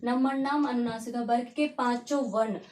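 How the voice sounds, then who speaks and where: A woman's voice: a little high, fairly even intonation, normal speed, darkish tone, a little hiss or hum. A woman teacher giving a lesson, asking herself questions and then repeating each key term to drill it in. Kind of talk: classroom-style lesson. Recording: echoey room.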